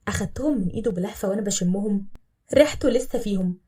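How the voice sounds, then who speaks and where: A woman's voice: medium pitch, very fast, warm tone, recorded from a distance. A young Egyptian woman narrating a first-person story in an emotive, confiding way.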